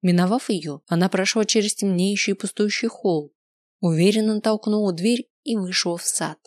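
A woman's voice: mid-range voice, moderate pace, dry recording. Woman reading a first-person audiobook. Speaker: audiobook narrator.

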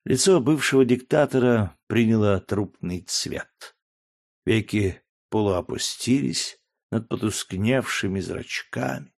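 A man's voice: fairly low pitch, takes it slowly, vocal fry. Man narrating a historical novel. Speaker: audiobook narrator. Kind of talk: scripted narration.

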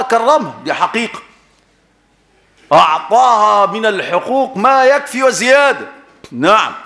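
A man's voice: sits high, fairly bright tone. Echoey Egyptian man preaching. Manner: emphatic, repeats key words and asks the audience questions. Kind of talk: sermon.

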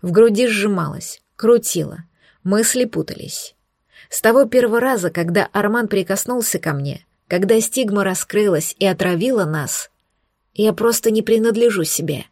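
A woman reading a first-person romance novel aloud, intimate and emotional, with measured phrasing. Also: mid-range voice, a little mellow, no room sound, clean studio sound. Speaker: audiobook narrator.

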